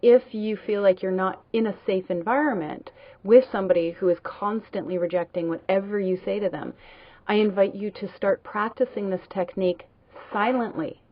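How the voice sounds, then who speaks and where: A woman co-hosting a talk in a gentle, reflective way and passing on audience questions. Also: mid-range voice, no room sound. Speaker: co-host. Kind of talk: conversational livestream talk. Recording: dry, dull lo-fi sound.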